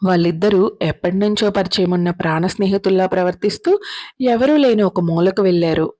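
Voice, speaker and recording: A woman narrating a serialized drama story in a steady, dramatic reading style. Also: lowish voice, brisk, dry recording, studio quality.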